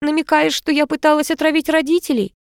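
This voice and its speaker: A woman voicing a young wife who is defensive and shrill. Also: little pitch movement, quick pace, creaky, dry recording, clean studio sound. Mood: shouting.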